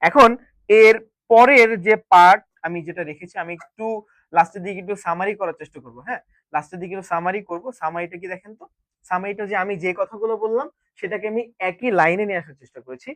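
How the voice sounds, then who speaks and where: A man's voice: high-pitched, quick pace, fairly bright tone, dry recording. A man teaching a grammar lesson, often putting a question to the viewers and answering it himself. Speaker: English teacher. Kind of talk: classroom-style grammar lesson.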